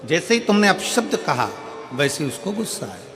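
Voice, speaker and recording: A man's voice: on the high side, big pitch swings, normal speed, big-room sound, music in the background. A man preaching a devotional sermon to a large gathering, building his points through repetition and questions put to the crowd.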